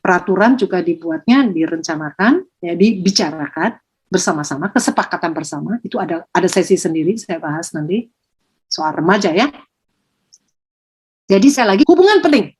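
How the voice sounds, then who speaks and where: A woman speaks to parents in a lively parenting talk. Her voice is husky and slightly breathy. She keeps jumping up high to mimic what parents say. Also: fairly quick. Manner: lively, swings into high acted quotes of parents. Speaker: school leader giving a parenting talk.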